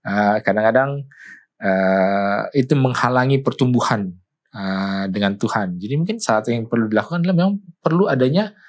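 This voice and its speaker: A man, a pastor, talking through a Bible study discussion in a reflective way, often pausing to search for words. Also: medium pitch.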